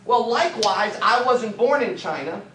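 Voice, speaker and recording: A man from the United States giving an energetic motivational business training talk, full of rhetorical questions and jokey asides. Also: high voice, normal speed. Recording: echoey room, faint background noise.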